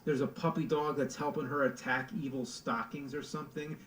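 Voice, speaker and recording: A man's voice: mid-range voice, steady tone, fairly quick, fairly bright tone, far from the mic, lightly acted. A man voicing his foul-mouthed, exasperated game-reviewer persona in a recorded voiceover, with an emphatic, scornful delivery.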